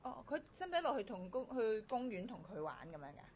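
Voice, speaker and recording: A woman interviewing a job candidate in a brisk conversational way, repeating and rephrasing her questions. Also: on the high side, very animated, darkish tone, slight background noise. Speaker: interviewer screening a domestic helper.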